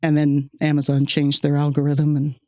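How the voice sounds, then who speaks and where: A woman's voice: low-pitched, monotone, moderate pace, mellow, no echo, clean studio sound. A woman hosting a podcast in casual chat, talkative and grateful, laughing often between thoughts. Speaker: podcast host and producer. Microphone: studio microphone.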